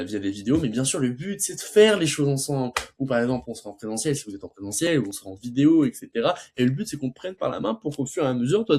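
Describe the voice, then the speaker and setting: A man's voice: medium pitch, darkish tone, breathy edge. A young man coaching sales closing in a casual talk, stuttering and restarting often, and acting out both sides of a sales call. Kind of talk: casual teaching monologue.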